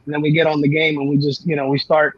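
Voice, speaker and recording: A man's voice: a little high, completely flat delivery, quick pace, no echo, lo-fi sound. A man co-hosting a podcast in a laid-back, easygoing way, repeating himself and laughing easily. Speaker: podcast co-host. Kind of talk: casual podcast chat.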